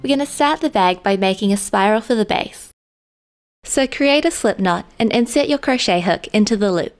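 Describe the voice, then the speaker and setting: A woman host narrating a crochet tutorial in a calm, step-by-step instructional manner. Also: medium pitch, normal speed, soft background music. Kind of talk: scripted tutorial voice-over.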